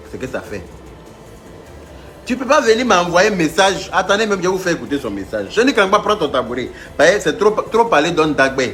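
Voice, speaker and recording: A man's voice: mid-range voice, a bit bright. A man hosting a live stream, mocking a rival and calling on viewers, stammering through restarts.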